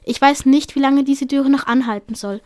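A woman's voice: high-pitched, moderate pace, a little mellow, no echo, studio quality, close to an everyday voice. A woman voicing a weary adult she-cat in a read-aloud storybook.

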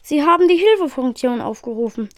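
A woman voicing an overly calm, polite ship computer in a read-aloud story. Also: high-pitched, dry recording, clean studio sound. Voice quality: too calm, measured.

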